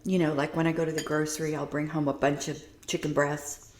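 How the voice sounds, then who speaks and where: A woman with a low voice chats casually between bites, savoring her food. Her voice carries a roomy kitchen echo, and dishes and cutlery clink behind her. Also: level tone, a little fast. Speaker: vlogger. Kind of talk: casual chat while eating. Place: home kitchen.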